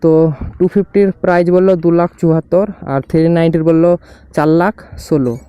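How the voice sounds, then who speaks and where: A young motovlogger from West Bengal, India, chats casually with his viewers from inside his helmet while out on a motorbike. His voice is a little high, mellow, clear and resonant with fairly even intonation, and he talks fairly quickly with no room sound on the voice. Noisy road and vehicle sounds fill the recording.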